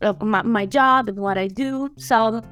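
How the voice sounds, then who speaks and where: Woman in her 30s, chatty and lively, kinda high voice, laughs a lot, video call. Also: a little slow, clear, resonant tone, faint music behind. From Bulgaria. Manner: animated and chatty, laughs often. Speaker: guest, sanctions compliance specialist. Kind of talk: interview answers.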